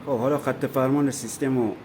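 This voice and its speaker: A man calmly walking viewers through a computer installation, step by step, in a screen-recorded tutorial. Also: mid-range voice, a little hiss or hum. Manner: calm step-by-step instructions. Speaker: tutorial presenter.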